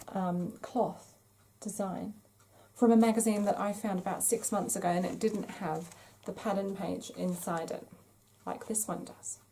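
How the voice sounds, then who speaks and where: A woman with a mellow, medium-pitched voice hosts a craft podcast, enthusiastically gushing over her finds and showing craft magazines in a casual vlog-style chat. The recording is rough, with slight background noise.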